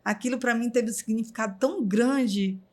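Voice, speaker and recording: A woman's voice: on the high side, moderate pace, warm tone. Earnest Brazilian woman telling her story. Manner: earnest, many fillers like "né". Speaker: guest. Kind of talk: emotional personal storytelling.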